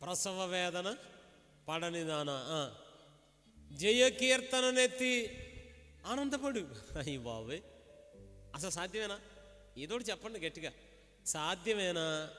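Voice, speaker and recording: A high-pitched male pastor preaches to his congregation, calling for loud responses and leading them through the reading line by line. His voice rings out in a reverberant church hall with soft music underneath. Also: expressive, takes it slowly, long pauses. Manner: exhorting, urging the congregation to shout and repeat. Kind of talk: preaching sermon with call-and-response. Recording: echoey hall with faint music.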